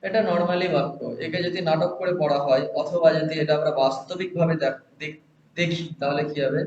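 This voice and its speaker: A man with a slightly raised pitch leads a grammar lesson, posing questions and then answering them himself. The recording sounds dull and lo-fi, with a roomy echo and faint hiss underneath. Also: fairly even intonation, brisk, a little mellow. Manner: explains step by step, asks and answers his own questions. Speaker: Sanskrit grammar teacher.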